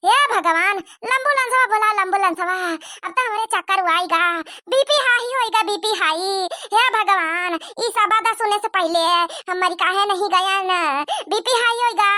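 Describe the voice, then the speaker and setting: A woman's voice: pushed and bright, dry recording. A woman voicing a dramatic, gossiping village aunt in a cartoon, wailing in an Awadhi accent. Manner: melodramatic, wailing, shrill. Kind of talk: cartoon dubbing.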